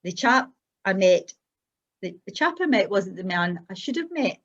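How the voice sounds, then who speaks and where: A middle-aged or older Scottish woman giving an unscripted personal testimony as a guest, speaking in an earnest, halting, anecdotal way. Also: medium pitch, sing-song, muffled recording.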